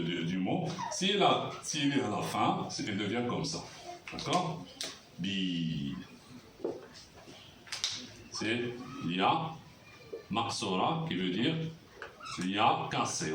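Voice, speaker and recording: A man teaching a language lesson at a board, patiently repeating sounds and checking that everyone follows. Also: fairly low pitch. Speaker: Arabic teacher. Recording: roomy echo, mic far off, faint noise.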